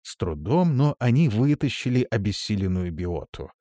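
A man narrating an audiobook in an expressive, steady storytelling manner. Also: lowish voice, moderate pace, no echo, clean studio sound. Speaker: audiobook reader. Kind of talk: scripted narration.

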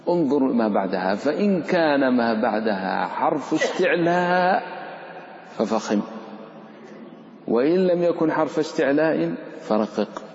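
A man's voice: unhurried, long pauses. A man teaching Quran recitation rules to a live class. He explains each rule, chants the verses he gives as examples, and quizzes and teases his students. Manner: lively, questions and teases the students. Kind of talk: live tajweed lesson. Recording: echoey hall, dull low-fi sound.

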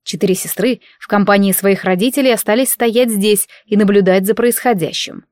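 Female audiobook narrator, measured fantasy read, mid pitch, dry close studio sound. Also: a little mellow, no echo. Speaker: audiobook reader.

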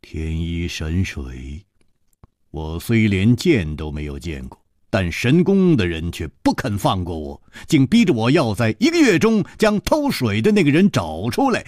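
A man voicing a calm, weary gallant hero who speaks quietly and measuredly with sighs. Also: fairly low pitch, measured pace, dry recording, clean studio sound.

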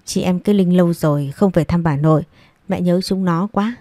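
A woman's voice: fairly low pitch, brisk, mellow, dry recording, lightly acted. A woman voicing a frail, sick grandmother over sixty who pleads plaintively to see her family. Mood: longing.

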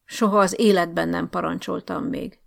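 A woman voicing a pompous, bullying young male lieutenant colonel who barks and accuses, with a gravelly edge. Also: on the low side, fairly even intonation. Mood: blustering. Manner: barking, accusing, self-important.

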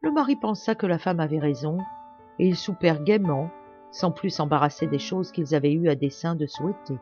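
A woman narrating a classic fairy tale as an audiobook reader, in a clear, even storytelling manner. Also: deep voice, fairly quick, faint music behind. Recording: dry, slightly dull home recording.

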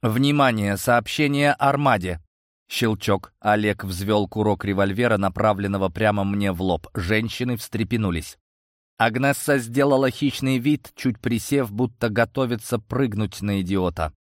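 A man narrating a science-fiction audiobook in first person, measured and steady. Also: lowish voice, no room sound, studio quality.

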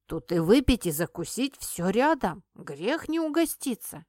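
A woman voicing a tipsy, cheeky little male imp familiar who hiccups and drawls slowly in an audiobook. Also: medium pitch, big pitch swings, darkish tone, no echo. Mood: boastful.

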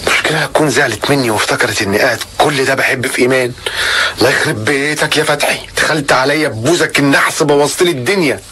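A man plays a shy, fretful young Egyptian man with a bright voice who rattles on very fast. Faint noise sits under his voice. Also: mid-range voice, natural voice. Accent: Egyptian Arabic.

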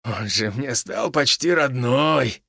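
Мужчина изображает злорадного старого деревенского убийцу. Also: male voice, medium pitch, lively intonation, slow pace, gravelly, sharp tone, slightly rough, no echo, studio quality, full character voice. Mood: gloating. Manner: drawling, mocking, chuckling. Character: creepy, gloating old village murderer, male.

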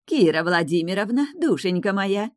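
A woman's voice: medium pitch, animated, normal speed, no echo, studio quality, close to an everyday voice. A woman reading an audiobook, voicing a flustered, coquettish older female manager in a raised, gushing voice. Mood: flustered pleading.

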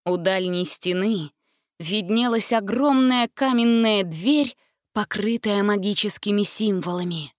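Woman storybook narrator, measured delivery, mid pitch, dry close recording. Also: no room sound. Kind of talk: storybook reading.

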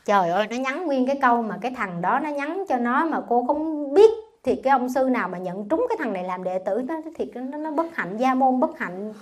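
A middle-aged woman, a Buddhist nun, giving a dharma talk in an animated, colloquial way, scolding and telling stories. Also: high-pitched, a little fast.

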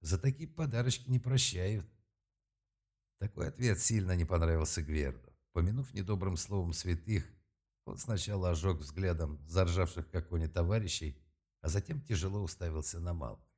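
A man reading an audiobook aloud in a steady, measured way. His voice is very deep and dark, with a husky, breathy grain. The delivery stays calm and even through long narrated passages. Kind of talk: scripted narration.

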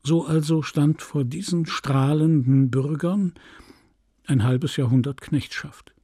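A man reading a classic novel aloud as an audiobook narrator, measured and expressive. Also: fairly high pitch, husky, no room sound, clean studio sound. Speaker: audiobook reader.

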